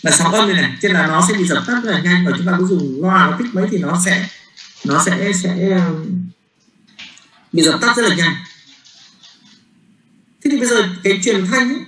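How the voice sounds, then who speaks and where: A man's voice: sits high, normal speed, pauses often, pushed and bright. A man lecturing a physics class in a classroom, speaking. He explains step by step, repeats words while he thinks and often checks with the students. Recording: roomy classroom echo.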